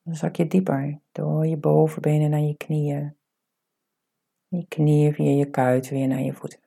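A woman's low-sitting voice, soft and breathy, leads a guided meditation. She delivers calm, soothing guidance and takes her time with the pauses.

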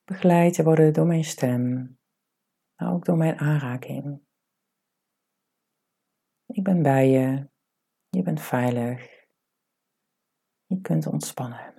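Leading a meditation, she uses a soft, breathy tone that sits low in pitch. Her guidance stays calm and comforting, broken up by leisurely pauses.

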